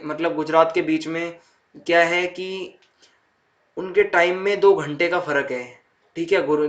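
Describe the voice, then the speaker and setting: Higher-pitched man explaining a lesson. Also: a bit bright. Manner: repeats points with "thik hai" check-ins. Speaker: teacher. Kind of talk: explaining a textbook chapter to students.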